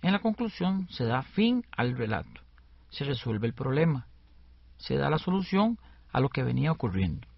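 A man co-hosting a scripted educational radio lesson in a lively, explanatory way, on a dull lo-fi recording. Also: medium pitch, moderate pace, creaky, no room sound.

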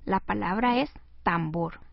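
A woman hosting a scripted educational radio lesson, dictating words slowly and clearly and encouraging the listener. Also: medium pitch, dry recording. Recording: dry, lo-fi radio recording.

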